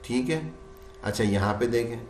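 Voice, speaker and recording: A man teaching Quran recitation rules. He puts questions to his class and answers them himself, and he chants the example verses slowly. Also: on the high side, lively intonation, fairly bright tone, echoey room, slight background noise.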